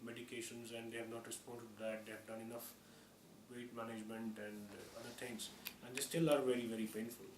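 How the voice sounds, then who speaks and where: A man's voice: medium pitch, little pitch movement, brisk. Echoey distant recording, man, Indian accent, formal medical explainer, hesitant phrasing. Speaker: orthopedic surgeon. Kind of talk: explanatory medical talk to camera. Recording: echoey room, distant mic, clear noise.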